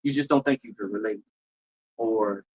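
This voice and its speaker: A man's voice: on the low side, moderate pace, breathy edge, low-quality recording. A man from Florida who works as a comedian and event host, talking casually in an interview with emphatic, riffing storytelling. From Polk County, Florida. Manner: animated, emphatic storytelling with repeated riffs.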